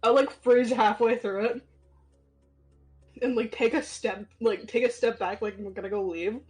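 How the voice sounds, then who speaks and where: A woman's voice: on the high side, steady tone, normal speed, darkish tone, soft background music. A woman playing a tabletop game, casually describing her character's actions and swearing. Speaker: player.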